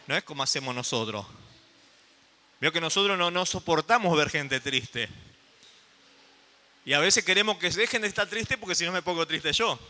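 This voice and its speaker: A man's voice: a little high, pushed and bright, long reverb tail. A man with an Argentine accent preaching a sermon as pastor, asking the congregation rhetorical questions. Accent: Argentine Spanish. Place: church.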